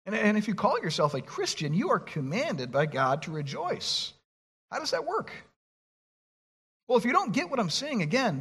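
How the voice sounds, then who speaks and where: A man's voice: sits high, a bit bright, husky. A man preaching a sermon, reading scripture aloud and asking the listeners rhetorical questions. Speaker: pastor.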